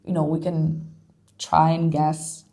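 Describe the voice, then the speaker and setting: A woman's voice: sits low, completely flat delivery, takes it slowly, warm tone. A woman co-hosting a podcast in casual chat, a little tired, thinking aloud with lots of fillers. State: tired, yawning. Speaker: podcast co-host.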